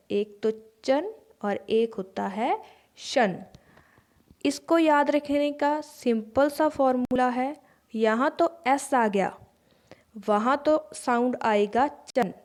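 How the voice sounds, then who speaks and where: Woman teacher, slow patient explaining, slightly high voice, repeats words. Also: darkish tone. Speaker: English pronunciation teacher. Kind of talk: explaining to students.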